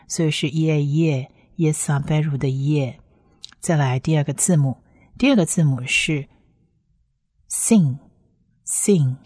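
Female teacher with a low voice and dry, close sound, patiently spelling out sounds one letter at a time. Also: darkish tone, no echo. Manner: patient, repeats each sound several times. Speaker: Hebrew teacher. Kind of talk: pronunciation lesson.

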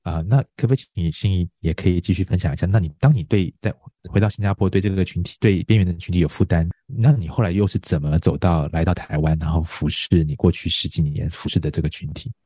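A man hosting a conversational interview, explaining things in a measured way and guiding his guest with questions. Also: low voice, dark tone, no echo. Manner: measured, explanatory, frequent affirming murmurs. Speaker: interviewer, host.

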